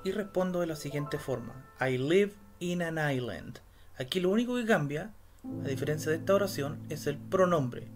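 A man teaching English in a recorded slide lesson, explaining step by step and reading the English phrases slowly and carefully. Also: a little high, animated. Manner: patient, explains step by step, checks in with "¿ya?" and "¿cierto?". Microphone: voice-over. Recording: loud background music.

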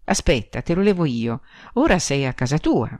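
A woman's voice: deep voice, very animated, moderate pace, a little mellow, no room sound. Woman reading as a coaxing country mother. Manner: urging, insistent. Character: anxious middle-aged country mother, coaxing.

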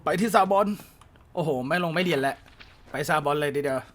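A man playing a horror game and commentating to his viewers, jumpy and excitable, often yelling in surprise. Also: on the high side, fast talker, slight background noise. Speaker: game streamer. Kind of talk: let's play commentary.

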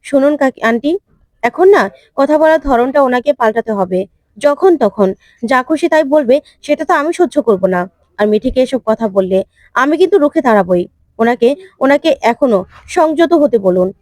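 A furious young husband who scolds and warns an elder in sharp, clipped lines, as a woman narrator plays him. The voice sits high and dry, close to the mic, in a plain retold serial drama. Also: animated, normal speed, dry recording. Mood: angry. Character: angry young man defending his wife.

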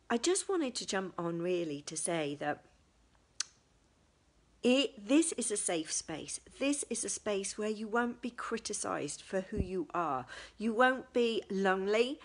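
A woman's voice: medium pitch, expressive, measured pace. A woman in her forties giving an emotional, personal address to her phone, as host of a support group. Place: small indoor room at home, seated. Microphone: phone at arm's length.

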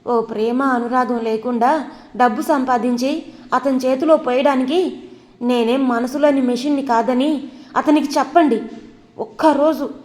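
A woman voicing a proud, quarrelsome young wife who bursts out in shrill, tearful accusations. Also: a little mellow, long reverb tail, lightly acted. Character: proud angry young wife, quick to fight.

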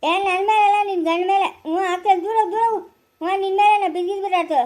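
A woman with a rural Karnataka Kannada accent playing a meddlesome village woman who goads and teases with quick jibes in an amateur family skit. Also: very high voice, steady tone, darkish tone. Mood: teasing. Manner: teasing, goading, quick jibes.

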